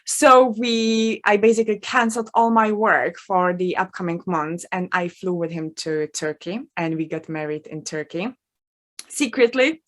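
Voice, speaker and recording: A woman from the in her thirties, a guest telling her own story in an interview, frank and animated, with many fillers. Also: lowish voice, measured pace. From Czech Republic.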